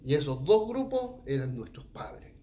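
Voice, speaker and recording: A man in middle age preaches in a teaching tone, asking his listeners questions and checking in with a quick "ya?". His voice sits a little high for a man, and a faint hum of ambience runs behind him. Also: sing-song, dark tone, dull audio. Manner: asks the congregation questions, frequent "¿ya?". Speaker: pastor. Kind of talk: teaching sermon.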